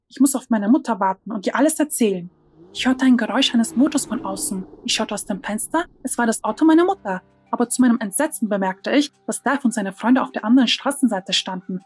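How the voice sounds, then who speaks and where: A woman's voice: on the high side, a little mellow. A woman narrating a tense first-person story in a dramatic storytelling manner.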